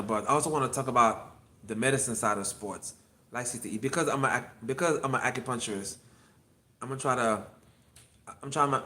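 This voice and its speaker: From his clinic, a Miami acupuncture physician in his fifties talks casually on a solo livestream, rambling and repeating himself while answering viewers. He has a mid-range, bright, forceful voice.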